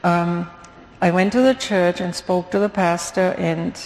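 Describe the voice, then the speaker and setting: A woman's voice: on the low side, darkish tone. Earnest German-accented woman testifying in church. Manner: earnest, halting, with many fillers. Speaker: guest speaker giving testimony. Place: church sanctuary. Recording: long hall reverb.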